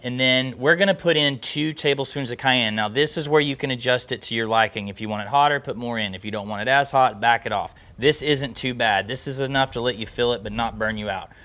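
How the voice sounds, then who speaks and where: A man's voice: medium pitch, brisk, hardly any pauses, sharp tone. A man hosting a cooking video, talking casually and enthusiastically to the viewers in a folksy way. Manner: folksy, enthusiastic, talks to camera. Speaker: cooking channel host.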